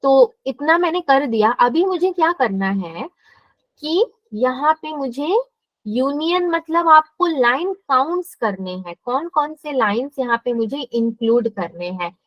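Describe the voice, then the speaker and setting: Woman, math teacher, high pitch, questions the class as she explains, dry dull lo-fi sound. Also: animated, a little slow, dry recording. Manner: explains step by step, asks students questions. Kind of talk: live classroom lesson.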